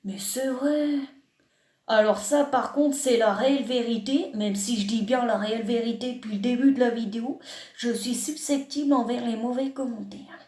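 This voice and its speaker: A young woman answers a comment in a reaction vlog with mock self-deprecating sarcasm. Her voice is fairly high but mellow. The sound is roomy, with echo off the walls. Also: normal speed. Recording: echoey room.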